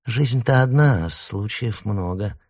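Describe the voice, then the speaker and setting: A man's voice: lowish voice, a little slow, a little mellow, voice pushed up. A man voicing a nervous, irritable young woman who mutters her lines, in a storybook reading. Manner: muttering, edgy.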